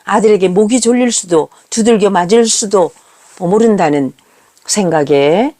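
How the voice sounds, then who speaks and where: A middle-aged woman reading a first-person story in a somber, measured manner. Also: mid-range voice, dark tone.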